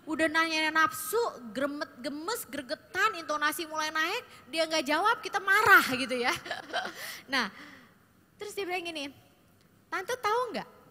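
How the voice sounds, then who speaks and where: A woman's voice: sits high, moderate pace. A middle-aged woman, a psychologist leading a parenting seminar and acting out parent and teen dialogues. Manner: lively, acts out dialogues between parent and teen. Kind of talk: seminar talk to a parent audience. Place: seminar hall. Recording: hall reverb.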